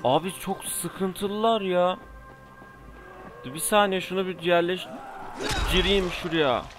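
Young male gamer, slightly high voice, frustrated running commentary, faint music behind. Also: takes it slowly. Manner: exasperated, talks back at enemies, exclaims often. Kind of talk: casual let's play commentary. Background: faint game music.

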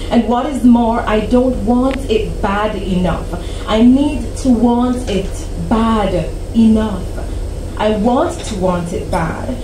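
A Canadian woman around forty, a poet, gives a slow, deliberate reading of her own poem, pausing dramatically, on a small cafe stage before seated listeners at an open mic. She speaks at medium pitch into a stand mic, and a camera at the back records roomy, distant sound with a hum.

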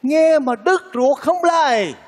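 A man's voice: very high voice, expressive, slow, in a large hall, full character voice. An actor playing a kindly, lovesick man who pleads earnestly with a widow, speaking in a stage comedy sketch. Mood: pleading.

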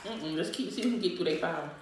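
Woman, animated informal chat, very reverberant distant sound with background noise. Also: on the low side, racing. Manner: informal, colloquial. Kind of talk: casual chat. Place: indoor living room, around a table. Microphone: distant camera. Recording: very echoey room, far mic, clear noise.

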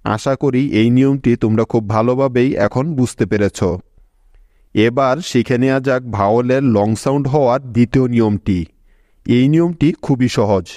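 A man's voice: mid-range voice, moderate pace, dark tone, no echo, highs cut off. Patient man teaching step by step. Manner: patient, explains step by step, asks learners questions. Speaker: English pronunciation teacher. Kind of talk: scripted spoken lesson.

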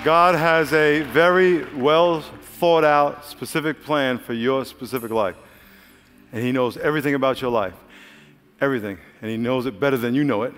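A man's voice: mid-range voice, a little hiss or hum. A middle-aged man, a pastor, leading an altar call and preaching earnestly from a large church stage. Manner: warm repetitive blessings, earnest and urgent. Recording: long hall reverb, faint band music. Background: soft band music.

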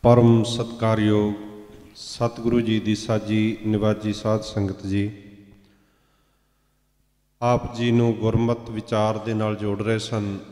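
A man's voice: lowish voice, little pitch movement, mellow. A man with a Punjabi accent making a formal stage announcement in an echoey hall. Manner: slow, formal, measured.

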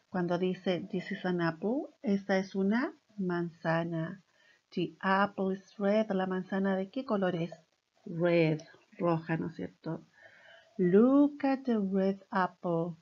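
A woman teacher speaks very slowly and patiently to young children, reading short English phrases and translating each one. Her voice has a gravelly edge. The recording is dull and lo-fi. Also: medium pitch. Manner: reads each phrase then translates, gentle and caring. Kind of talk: slow bilingual lesson for children.

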